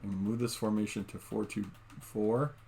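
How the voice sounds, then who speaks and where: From his home room, a gaming YouTuber speaks in a lowish, level, warm voice that is brisk and creaky, with a little hiss or hum in the background. He chats casually about his gameplay straight to viewers, calling them "guys" and using plenty of fillers.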